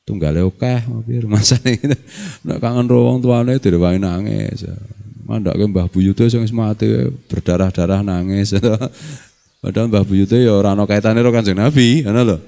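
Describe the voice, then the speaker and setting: A man's voice: lowish voice, normal speed, gravelly, mellow. A middle-aged man with a Javanese accent gives a casual religious lecture, joking and laughing as he teaches and recites Arabic. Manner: jokey, laughs often, mixes local and Arabic phrases. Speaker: Islamic scholar teaching a study circle.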